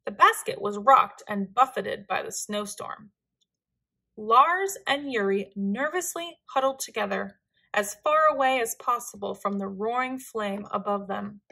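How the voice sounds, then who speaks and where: Slow, bright-voiced woman reading a storybook. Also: mid-range voice, gravelly. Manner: gentle, expressive narration. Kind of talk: children's picture-book read-aloud.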